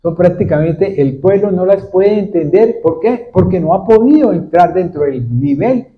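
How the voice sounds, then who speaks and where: A male pastor preaching a sermon to a congregation, repeatedly asking them questions in a steady, repetitive cadence. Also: a little high. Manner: asks the congregation frequent questions. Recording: dull lo-fi recording. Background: seated congregation.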